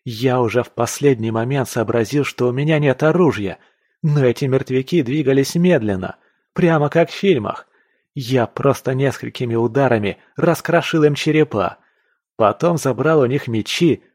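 A man reading an audiobook, voicing an excited, boastful young male fighter with an eager, loud delivery. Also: mid-range voice, normal speed, no room sound, clean studio sound, voice pushed up, lightly acted. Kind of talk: audiobook character voice.

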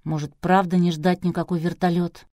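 A woman's voice: lowish voice, level tone, normal speed, no echo, clean studio sound, lightly acted. A woman voicing an eager young woman who pleads and pushes her plan in an audiobook. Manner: eager, hushed.

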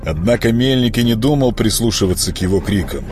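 A man reading a fantasy audiobook, storytelling with lively delivery. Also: lowish voice, fairly quick, faint music behind. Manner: lively storytelling, voicing characters. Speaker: narrator. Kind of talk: audiobook narration.

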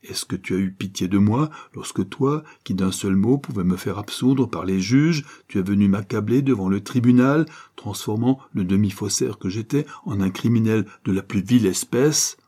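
Guy reading angry old ex-convict, booming accusations, low husky voice, audiobook. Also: moderate pace, warm tone. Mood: accusing. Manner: thundering, accusing. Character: stern wrathful former convict man, older.

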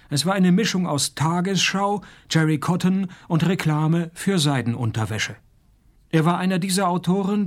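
A man playing a cynical, hard-drinking noir private detective in a radio crime drama, dry and deadpan. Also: a little high, close to an everyday voice. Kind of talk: scripted radio crime drama with first-person narration.

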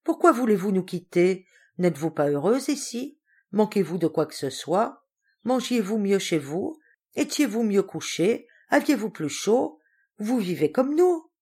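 A clever spinster mistress speaks in a gentle, persuasive, reasoning tone, voiced by a woman reading a story aloud. Her voice sits a bit higher than the narration. She sounds calm and quietly manipulative. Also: a little slow, breathy edge. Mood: coaxing. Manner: soft, coaxing and reasoning.

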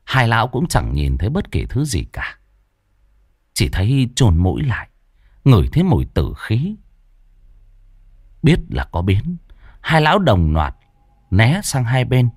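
A man narrating a ghost story in a dramatic, animated way. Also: medium pitch, a little slow, long pauses, breathy edge, no echo, clean studio sound.

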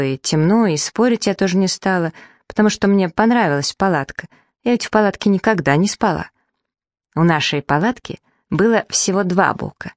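A woman narrating a children's audiobook in the first person, lively and acting out the dialogue. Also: lowish voice, no room sound, clean studio sound. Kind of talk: children's story reading.

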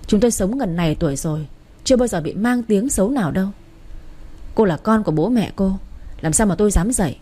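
Woman reading sharp-tongued old mother-in-law, scornful, needling, husky dark voice. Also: medium pitch, lively intonation, brisk.

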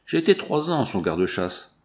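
A man's voice: mid-range voice, big pitch swings, normal speed, natural voice. A man doing a smug renegade gamekeeper.

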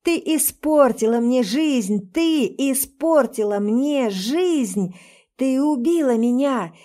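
A woman voicing an obsessive, violent young man in an audiobook, who shouts accusations and then turns softly menacing. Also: on the high side, slow pace. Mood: raging.

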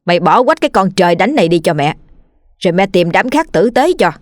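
A woman's voice: medium pitch, big pitch swings, brisk, no echo, clean studio sound, close to an everyday voice. A woman voicing a harsh, scornful older mother-in-law who berates her daughter-in-law, in a narrated ghost story.

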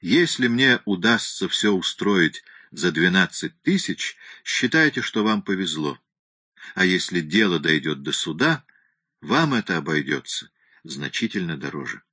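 A man voicing a frank, firm middle-aged male lawyer who speaks straight without softening his words. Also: low voice, big pitch swings, a little slow, slightly rough, no room sound, full character voice.

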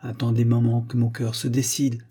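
A man reading aloud, voicing a young farm heiress who speaks softly but firmly. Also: mid-range voice, little pitch movement, normal speed, breathy edge, close to an everyday voice. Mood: tender. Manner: soft-spoken, firm.

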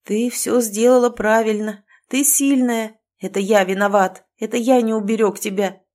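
A woman voicing a protective male werewolf alpha, her husband, in an audiobook, read in a quiet, low-key way. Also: fairly even intonation, normal speed, natural voice. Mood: tender. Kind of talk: audiobook dialogue.

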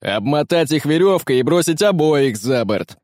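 A man's voice: fairly high pitch, lively intonation, normal speed, darkish tone, no room sound, clean studio sound, pitched above the performer's own voice, close to an everyday voice. A male narrator voicing a cruel pirate captain who barks orders and mocks his captives. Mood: mocking. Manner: barking orders, cold mockery.

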